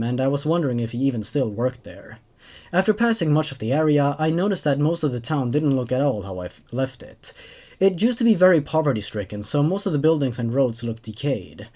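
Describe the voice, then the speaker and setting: A very animated young man in his twenties, with a fairly high voice, reads horror stories aloud and adds commentary as host narrator and reviewer. He records in a small, dark indoor room through a boom-arm desk microphone.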